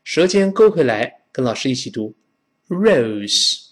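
Lively male English pronunciation teacher. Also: medium pitch. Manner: animated, drills words slowly for the listener to repeat; playful, acts out examples and sounds.

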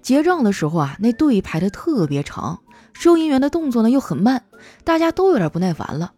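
Animated chatty woman telling funny stories. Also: a little high, fairly quick. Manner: chatty, playful, acts out quoted coworkers. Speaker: host. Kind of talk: comic storytelling monologue. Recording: faint background music.

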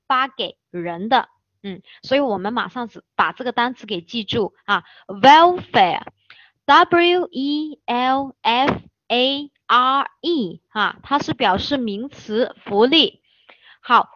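A woman whose first language is Chinese, teaching an English word in a slow, patient lesson, spelling out the letters one by one. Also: a little high, a bit bright, no echo. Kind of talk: spoken vocabulary lesson. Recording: dull lo-fi dry recording.

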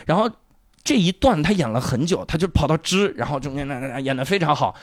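A man casually retelling a drama's plot on a chat show, acting out the characters' lines and bursting into loud swearing at the emotional moments. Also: a little high, quick pace, no echo. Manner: animated storytelling, acts out lines with loud swearing outbursts. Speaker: podcast co-host.

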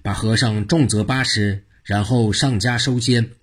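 A man's voice: fairly low pitch, steady tone, unhurried, husky. A man doing a pompous prefect judge. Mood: angry. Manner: stern, officious questioning.

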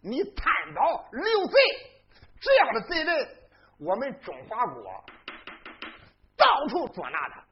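A storyteller voicing a polite but sharp-tongued young male hero who argues in pointed questions. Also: extremely high pitch, huge pitch swings, takes it slowly, long pauses, a little hiss or hum, voice pushed up, full character voice. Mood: accusing. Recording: dull lo-fi recording.

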